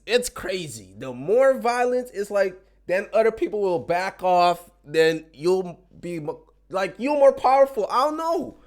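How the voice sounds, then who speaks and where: Animated American reaction host, high lively voice. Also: male voice. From United States. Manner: animated, exclaiming, slangy. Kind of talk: casual reaction commentary.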